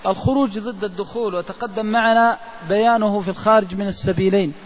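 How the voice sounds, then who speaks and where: A man, a religious scholar, explains a classical legal text in a measured lecture and pauses on drawn-out fillers. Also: high-pitched, steady tone. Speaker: religious scholar teaching jurisprudence. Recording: dull lo-fi recording with faint hiss.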